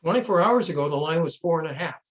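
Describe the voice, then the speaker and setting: A man giving casual, off-the-cuff sports betting commentary, halting and repeating words as he goes. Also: on the high side, lively intonation.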